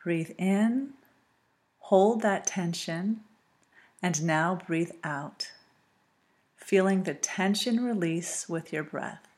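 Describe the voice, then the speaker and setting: Slow, soothing woman guiding relaxation. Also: fairly low pitch. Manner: calm, soothing, slow with long pauses. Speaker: relaxation guide. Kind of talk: scripted guided relaxation narration.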